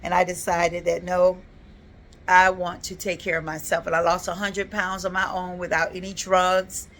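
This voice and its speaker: Fifties woman vlogging, earnest and reflective, low-ish voice with a forceful edge. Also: flat delivery, moderate pace. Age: 50s. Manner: earnest, reflective, with frequent fillers. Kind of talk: casual personal vlog.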